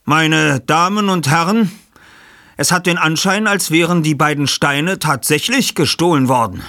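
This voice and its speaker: Ein Mann spricht einen ruhig befehlenden jungen Detektiv. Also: male voice, a little high, measured pace, pushed and bright, no echo, studio quality, voice pushed up. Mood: composed. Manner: commanding, methodical. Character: calm, clever young male detective, the narrator.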